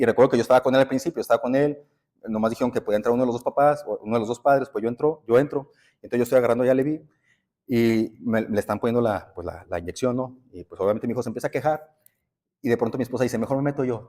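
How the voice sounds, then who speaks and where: A man's voice: medium pitch, rapid-fire, mellow. A man, preaching a sermon in a church and telling stories in a conversational way. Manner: conversational storytelling preaching, addresses listeners as brothers. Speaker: pastor. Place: church sanctuary.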